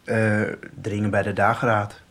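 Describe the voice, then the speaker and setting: An actor playing Joris, a curious, evasive teenage schoolboy in a radio soap. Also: male voice, fairly low pitch, flat delivery, normal speed, fairly bright tone. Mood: guarded, casual.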